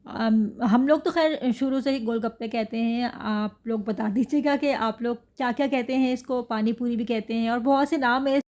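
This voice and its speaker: A woman's voice: a little high, steady tone, normal speed, few pauses, a little mellow. A woman, narrating her family vlog chattily and talking to her viewers. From Pakistan. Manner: chatty, laughs often, addresses viewers. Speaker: vlogger.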